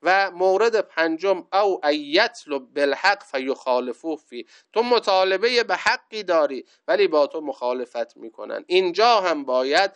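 A man giving a religious lecture, reciting Arabic sayings slowly and then explaining them point by point. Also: a little high, lively intonation, fairly bright tone, clean tone. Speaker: preacher.

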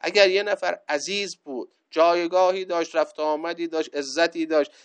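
A man giving a religious lecture, reciting Arabic sayings slowly and then explaining them point by point. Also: fairly high pitch, steady tone, smooth. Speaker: preacher.

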